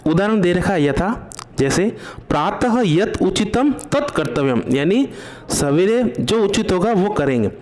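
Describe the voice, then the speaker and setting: A male teacher with a high voice speaks slowly through an online lesson. He goes over each answer carefully and asks the students to say it back, like a classroom drill. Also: animated, darkish tone. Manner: slow, repeats answers as questions to the class.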